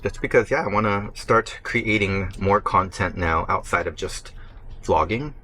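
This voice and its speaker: Young guy vlogger: low pitch, bright forceful tone, easygoing chatter while eating; faint room noise. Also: unhurried. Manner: chatty, eating between sentences, talking with mouth full. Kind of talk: casual vlog talk to camera while eating. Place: burger restaurant.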